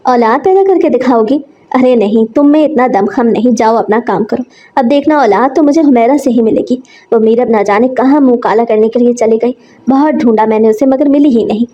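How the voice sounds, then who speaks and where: A woman's voice: fairly high pitch, a little fast, mellow, lo-fi sound, natural voice. A woman voicing a scornful husband who taunts his wife, read as part of a storybook narration. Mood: mocking. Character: grown man, a scornful mocking husband.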